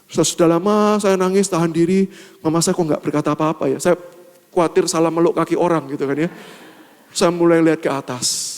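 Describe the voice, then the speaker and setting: A man's voice: fairly high pitch, fairly even intonation, fairly quick, smooth, in a large hall. A man from Surabaya preaching a storytelling sermon, acting out scenes animatedly during a church service. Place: assembly hall church service.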